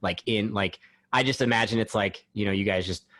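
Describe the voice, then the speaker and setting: A man hosting a casual podcast interview, talking in an easygoing, conversational way with halting fillers. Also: fairly low pitch, fairly bright tone. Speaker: podcast host.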